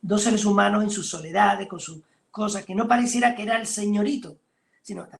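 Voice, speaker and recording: A middle-aged film director on a video call, telling stories animatedly and acting out conversations. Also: male voice, high voice, a little fast, creaky. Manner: animated storytelling, acting out quoted dialogue. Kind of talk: conversational interview.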